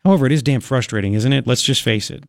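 A medium-pitched man with a Long Island, New York accent hosts opinionated political talk radio, speaking fast with some vocal fry. He's emphatic and colloquial, repeating phrases for effect. The recording is dry and clean, studio quality.

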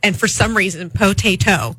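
A woman stage actor explains tricks for staying in character, plainly and matter-of-factly. Her voice is bright with a husky edge, recorded dry. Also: medium pitch, lively intonation, moderate pace, dry recording. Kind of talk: casual interview chat.

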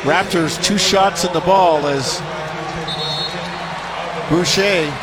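A man's voice: sits high, slow pace. A man doing live basketball play-by-play commentary in clipped, short phrases. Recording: courtside arena noise behind voice. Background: basketball arena crowd and bouncing balls.

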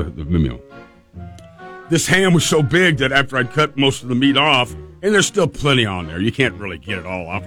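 A man's voice: medium pitch, a bit bright. A man hosting radio, telling a casual, humorous personal story in a rambling way, repeating phrases for emphasis. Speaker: radio host.

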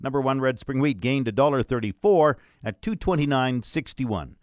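A man's voice: mid-range voice, animated, moderate pace, no room sound, clean studio sound. A man hosting a radio farm report, reading scripted grain prices and sponsor notes. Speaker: radio farm news host.

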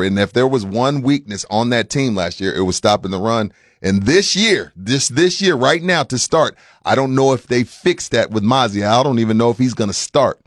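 A man's voice: fairly low pitch, no room sound, studio quality. A man hosting a morning sports talk radio show, casual and opinionated, who repeats points for emphasis and takes listener calls. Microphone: studio mic.

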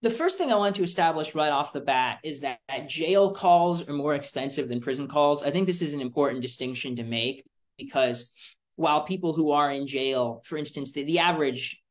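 Here a student policy advocate, a young adult man from Florida in the United States, gives explanatory interview answers in a mid-range voice. He chooses his words deliberately and articulately, leaning on emphatic phrasing.

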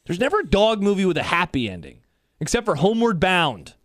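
A man co-hosts a casual sports podcast in a fairly high, very lively voice. He reads listener messages aloud, recorded close and dry. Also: a little fast, dry recording. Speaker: podcast co-host.

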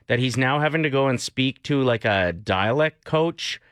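A man's voice: mid-range voice, animated, moderate pace, a bit bright, smooth, no room sound. A man in his forties co-hosts a morning radio show, easygoing and a little wry as he chats with his partner. His voice sounds dry and close to the mic. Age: 40s. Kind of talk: casual chat.

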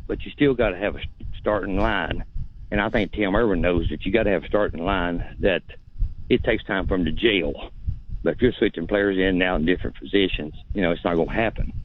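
Guy on a tinny phone line, call-in listener, real low voice, blunt and rambly. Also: moderate pace. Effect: heard over a phone line. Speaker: radio show caller. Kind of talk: casual call-in opinion.

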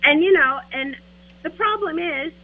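A woman in her forties calling in by phone, telling her story in an animated way with quick asides, her phone line breaking up. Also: high voice. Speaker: caller. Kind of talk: casual call-in chat. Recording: tinny phone line with faint noise.

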